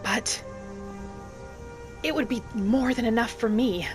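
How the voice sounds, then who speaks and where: A roleplay series host voices a gentle, hopeful young wood elf adventurer, narrating her journey in a somewhat high voice. The in-character scripted storytelling is soft, unhurried, dreamy, and earnest, with music playing behind her.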